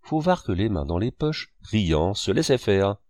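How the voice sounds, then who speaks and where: A man narrating a French novel in a measured literary reading. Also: fairly low pitch, very animated, a little mellow, no echo, studio quality.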